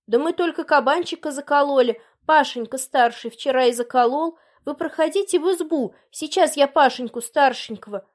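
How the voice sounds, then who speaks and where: A loud, plain-spoken elderly village mother, as a woman reading the story puts her on. She talks in a raised, somewhat high voice and calls out across the yard. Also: normal speed, hardly any pauses, close to an everyday voice. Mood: bustling. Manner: loud, calling out.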